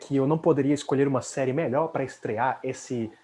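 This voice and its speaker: A Brazilian man with a Brazilian Portuguese accent talks through an English lesson in a relaxed, chatty way. His voice sits at an ordinary middle pitch, and he keeps checking in with the listener through short questioning tags. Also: fairly quick, slight background noise. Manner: chatty, fills with "né?" tag questions. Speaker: English teacher. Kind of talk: casual explanatory lesson.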